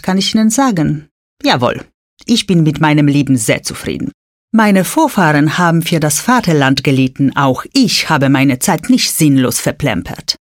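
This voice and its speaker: A woman's voice: deep voice, no room sound, clean studio sound. An older woman telling a first-person story in a dramatic, proud and indignant manner.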